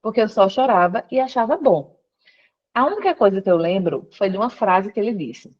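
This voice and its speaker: A woman on a work call tells her conversion story in a testimony interview, a little fast and at medium pitch, with a breathy edge. She quotes other people with lively voice shifts, storyteller-style, and the recording is muffled.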